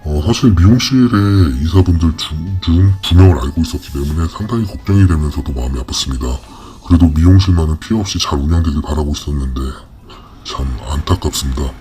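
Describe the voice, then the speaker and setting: An anonymous interviewee whose voice is disguised with a deep pitch-shift effect, reading a formal, measured account with frequent hesitant fillers. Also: warm tone, faint music behind. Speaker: anonymous fraud victim interviewee.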